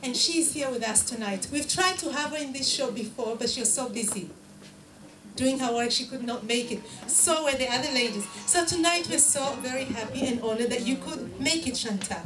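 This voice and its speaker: A woman hosting a live talk show, introducing and interviewing a guest with emphatic, deliberate phrasing. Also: high-pitched, expressive. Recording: echoey room, distant mic, noisy.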